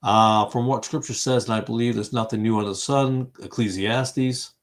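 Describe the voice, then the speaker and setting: A Massachusetts man in his fifties hosts a casual online fellowship livestream, speaking at medium pitch with a steady tone and moderate pace. He rambles and thinks aloud, using plenty of fillers as he reacts to viewers' comments in this group conversation.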